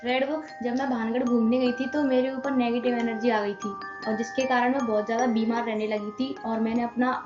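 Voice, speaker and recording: A woman's voice: fairly high pitch, flat delivery, fairly quick. A woman in a casual vlog, talking nervously and asking questions during a ritual. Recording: muffled audio under loud music.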